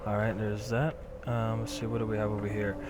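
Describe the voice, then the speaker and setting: A young man running a gaming channel muses aloud while clicking through play, giving casual commentary. His voice is fairly low and monotone, his pace fairly quick, with background noise and game music underneath.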